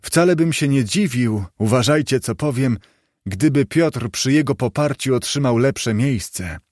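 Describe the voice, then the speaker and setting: A man reading as Bob Cratchit, a gentle grieving father. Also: medium pitch, lively intonation, unhurried, dry recording, studio quality. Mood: tender.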